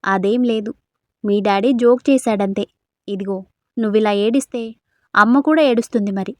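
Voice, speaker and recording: A woman's voice: medium pitch, normal speed, a little mellow, no room sound, natural voice. A woman reading a story aloud, voicing a young wife who fiercely accuses her husband and protects a small boy. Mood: soothing. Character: angry young wife defending a little boy.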